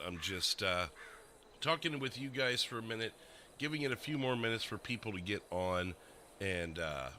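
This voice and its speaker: A deep, sharp-toned male voice comes through with slight background noise as he hosts a livestream. Sitting at a desk microphone, he rambles casually with viewers, teasing himself and stuffing his speech with fillers.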